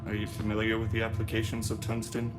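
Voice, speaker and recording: A man playing a monotone, dismissive receptionist. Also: on the low side, fast talker, music in the background, lightly acted. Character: curt, unhelpful male facility receptionist.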